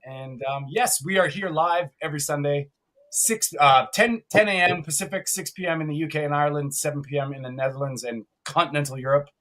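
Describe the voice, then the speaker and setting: A man's voice: fairly high pitch, fairly quick, a bit bright. A man from Canada co-hosting a live podcast, chatty and upbeat, often laughing as he rambles. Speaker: podcast co-host.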